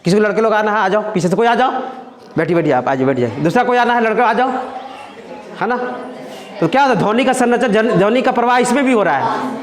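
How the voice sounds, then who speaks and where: A male teacher gives a science lesson in an echoey classroom, talking conversationally with students, repeating phrases and often checking in with "है ना?". His voice sits high, and he's animated and fast.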